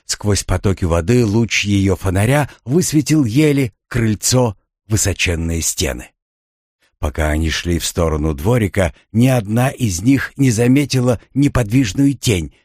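Low-voiced man reading a thriller. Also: slightly rough, no room sound, clean studio sound. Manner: measured, even storytelling delivery. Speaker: narrator. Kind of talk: audiobook thriller narration.

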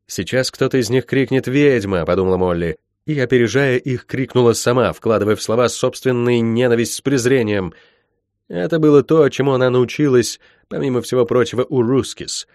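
A man reading an audiobook aloud in expressive, dramatic scripted narration. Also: medium pitch, normal speed, no room sound, studio quality. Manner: dramatic, varied delivery. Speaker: audiobook reader.

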